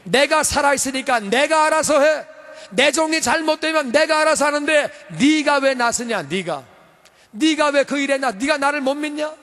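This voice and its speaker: An indignant, commanding God, voiced by a male preacher demands answers in a raised, high voice. His words echo in a big hall with long reverb. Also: moderate pace, a bit bright.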